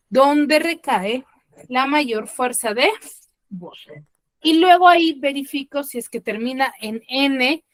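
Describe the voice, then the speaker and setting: High-voiced woman teacher, dry sound. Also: a bit bright, dry recording. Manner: questioning, slows and stresses key words. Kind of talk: online class lesson. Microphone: computer mic on a video call.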